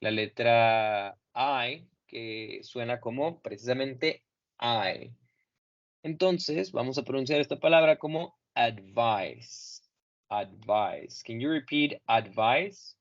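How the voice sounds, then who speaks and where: A man teaching English in Spanish over a video call, patiently modeling each word slowly and clearly for his students. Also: medium pitch, lo-fi sound. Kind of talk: online class correcting pronunciation.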